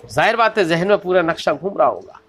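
A man teaching a religious lesson. He reads each quoted line slowly and deliberately, then explains it and often asks rhetorical questions of his listeners. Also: high-pitched, sing-song, fairly bright tone. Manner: slow, deliberate recitation of quoted text. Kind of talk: scripture lesson, reading Arabic then explaining.

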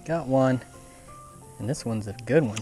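A man's voice: medium pitch, unhurried, faint music behind. Easygoing man fishing from a boat. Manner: relaxed, thinking aloud with many fillers. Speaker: fishing vlogger. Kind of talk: casual on-the-water commentary. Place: small boat under a bridge outdoors. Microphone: action camera on the boat.

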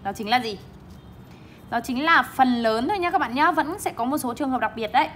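Briskly and with animation, a young woman teaching English walks through word stress bilingually, hitting stressed syllables hard while modeling each word. Her voice is bright and clear and a touch higher than average for a woman, with slight background noise behind it.

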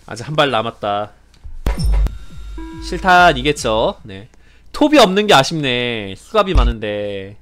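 A young man giving excited game commentary as a streamer, pleading, laughing and repeating himself. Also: mid-range voice, faint music behind. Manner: animated, pleading and laughing, repeats phrases rapidly. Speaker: gaming streamer.

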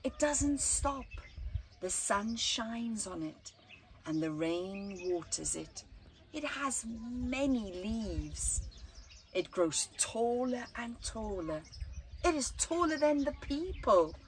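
Outdoors in an open gazebo at a flower farm, a middle-aged woman reads a children's story aloud, unhurried and expressive. Her fairly high voice moves deliberately through short phrases separated by dramatic pauses, with birds chirping behind and slight background noise.

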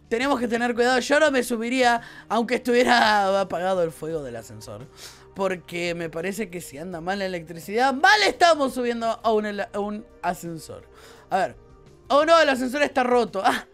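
A man's voice: very high-pitched, a bit bright. A young man with a Rioplatense Spanish accent, giving chatty, playful commentary on a game as he plays it and reacting aloud to what happens. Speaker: gaming YouTuber. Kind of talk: let's-play game commentary.

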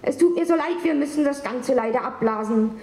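A man's voice: very high-pitched, a little fast, vocal fry, a little mellow, a little hiss or hum. A woman voicing a blunt middle-aged male office boss who talks in an offhand, matter-of-fact way, in an echoey hall. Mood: apologetic.

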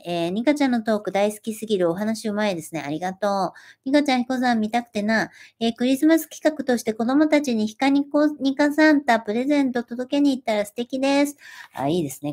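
Lively woman chatting on a livestream. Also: medium pitch, a little fast. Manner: reads viewer comments aloud and answers them chattily; animated, friendly, self-deprecating. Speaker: livestream host. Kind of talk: casual livestream chat.

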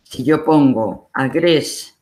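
A library instructor with an accent from Spain leads a recorded online lesson, speaking slowly and without hurry. His voice is medium-pitched and a little mellow, and he patiently explains each step of the screen demonstration.

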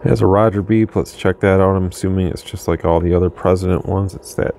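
Working at an indoor bench full of radio equipment, a man gives a casual demo of a radio, rambling in a relaxed way as he makes adjustments. He talks fast in a low voice with vocal fry, and a little hiss or hum can be heard.

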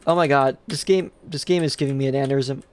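Brief: rambling livestreamer narrating their own play, self-mocking, quick to curse at the game, faint game music behind. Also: medium pitch, fairly even intonation, darkish tone. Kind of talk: live gameplay commentary.

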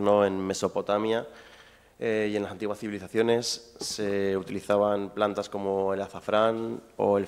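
A man's voice: fairly low pitch, clean tone. A man giving a public lecture to a live audience, chatty and informal, with asides to the people in the room. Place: university lecture hall with audience. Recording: long hall reverb.

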